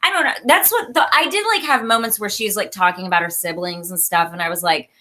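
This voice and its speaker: A woman's voice: mid-range voice, fast talker, bright, forceful tone. A young woman co-hosting a book club chat, who hesitates with many ums and giggles. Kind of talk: casual chat, reading passages aloud.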